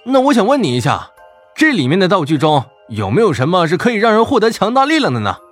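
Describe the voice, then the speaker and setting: A man voicing an eager, curious young man who asks questions brightly. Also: sits high, wildly swooping pitch, quick pace, soft background music, pitched above the performer's own voice, exaggerated voice. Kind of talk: audiobook character voice.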